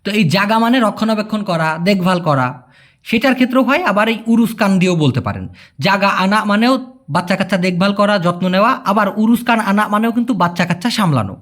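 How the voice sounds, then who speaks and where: A Bengali-speaking man teaching a casual language lesson, patiently explaining and repeating each word slowly. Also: high voice, expressive, fairly bright tone.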